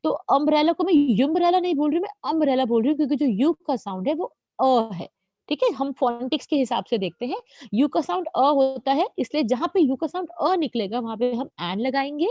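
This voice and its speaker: A patient woman teaching a grammar lesson, her fairly high voice rising and falling a lot as she keeps checking whether the class follows. The sound is dry and a little dull. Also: animated, brisk, no echo. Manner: patient, checks understanding with repeated questions; addresses students as children. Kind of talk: grammar lesson explained in Hindi.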